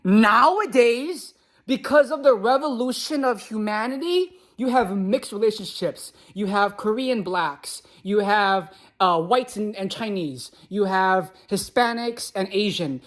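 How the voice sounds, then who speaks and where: A woman's voice: mid-range voice, animated, slow pace. A woman who speaks Khmer alongside English, delivering an impassioned, preachy monologue to viewers with emphatic repetition.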